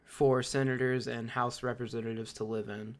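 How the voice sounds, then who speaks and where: A man with a mid-range voice talks as a podcast co-host. He rants with animated opinions, swears often and speaks in a loose, casual way. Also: mid-range voice, moderate pace. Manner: animated, ranting, swears freely. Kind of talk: casual chat.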